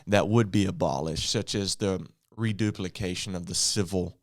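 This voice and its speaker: Male co-host, low-pitched, dry sound, thoughtful and loosely structured. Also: moderate pace, dry recording. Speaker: podcast co-host. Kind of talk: casual theology discussion.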